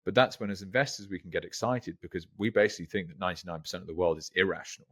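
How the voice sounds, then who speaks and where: A man's voice: low-pitched, very fast, fairly bright tone, no echo, clean studio sound. A man with a British accent, hosting an interview and speaking enthusiastically. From United Kingdom. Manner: enthusiastic, emphatic. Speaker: host. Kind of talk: interview conversation.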